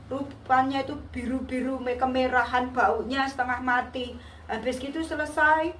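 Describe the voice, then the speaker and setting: High-voiced woman giving testimony. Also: a bit bright. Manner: vivid storytelling with repetitions. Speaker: testimony giver. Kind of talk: personal testimony. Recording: echoey room, distant mic, faint hiss.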